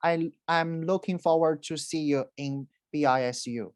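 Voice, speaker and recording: A presenter from a university speaks slowly and haltingly, often pausing on fillers and restarting phrases. The delivery is that of a formal presentation given in a second language. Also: medium pitch, dry recording, rough recording. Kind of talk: presentation with live interpreting.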